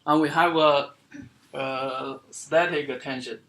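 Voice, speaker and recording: A man giving an academic seminar lecture as the speaker, explaining in a halting way with many fillers and restarts. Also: on the high side, steady tone, fairly bright tone. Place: lecture room.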